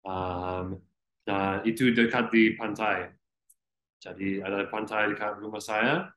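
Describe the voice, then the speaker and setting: A young American man, a native English speaker, answering interview questions haltingly in a second language with an American accent. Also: on the low side, flat delivery, a bit bright, slight background noise. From Florida, United States. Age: young adult. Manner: halting second-language speech with frequent hesitations. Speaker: interview guest, student. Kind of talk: conversational interview. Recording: roomy, echoey sound.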